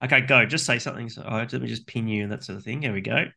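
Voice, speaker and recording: A man's voice: medium pitch, rapid-fire, vocal fry, bright, forceful tone. A man with an Australian accent co-hosting a casual beer chat in a colloquial, matey way. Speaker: beer show co-host, brewer.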